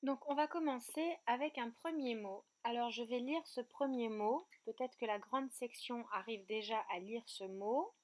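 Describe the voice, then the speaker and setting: A woman teaching a remote kindergarten lesson, speaking slowly and clearly and breaking words into syllables. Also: on the high side. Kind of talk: remote lesson for young children. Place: outdoor terrace at night.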